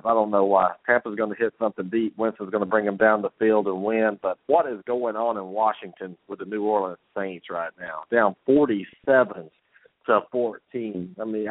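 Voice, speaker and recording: A man's voice: lowish voice, no room sound. A man hosting a sports talk show, fired up and rambling as he jumps from game to game. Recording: tinny phone-like line, dry.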